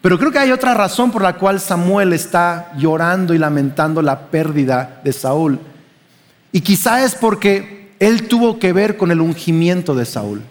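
A man's voice: high voice, lively intonation, a little slow, long reverb tail. A man with a Mexican Spanish accent preaching a sermon as pastor, conversational and often asking the congregation questions.

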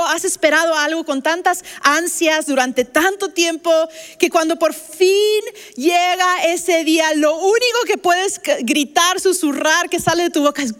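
A woman's voice: very high voice, fairly bright tone. A woman preaching a sermon, telling personal stories and acting out what people said. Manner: personal storytelling with acted quotes. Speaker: pastor.

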